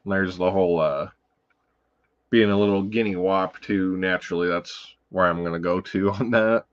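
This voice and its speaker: A man's voice: sits low, steady tone, moderate pace, clean tone, muffled recording. A man hosting a casual livestream about films, talking in a rambling, profane way, full of fillers. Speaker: livestream host.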